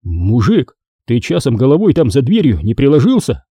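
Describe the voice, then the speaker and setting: A man's voice: mid-range voice, huge pitch swings, moderate pace, mellow, husky, no room sound, exaggerated voice. A man voicing a burly middle-aged male villager with coarse, folksy outbursts, in an audiobook. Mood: indignant.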